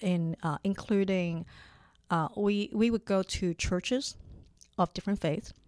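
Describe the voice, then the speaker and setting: A woman in her forties from Hong Kong, a lawyer being interviewed, talking in a halting way with many fillers and restarts. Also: mid-range voice, a little mellow, no echo, studio quality. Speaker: lawyer guest. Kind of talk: conversational interview.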